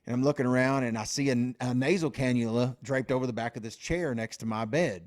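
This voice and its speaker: A man's voice: medium pitch, fairly quick, darkish tone. A man co-hosting a podcast, telling a long story in loose casual talk full of fillers, repeats and swearing. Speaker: podcast co-host.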